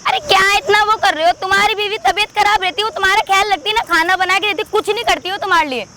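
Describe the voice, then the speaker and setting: A scornful young wife who argues back in quick, high-pitched retorts, as a woman acts her out. She sounds demanding and resentful, with loud street traffic noise around her. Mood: complaining. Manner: argumentative, complaining, sharp retorts. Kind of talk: staged family drama.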